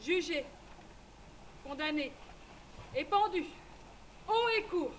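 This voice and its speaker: Woman narrating as a tough frontier gal, high voice, brisk, no fuss. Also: animated, slight background noise, poor audio. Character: tough frontier woman recounting her adventures. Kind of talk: first-person scripted narration.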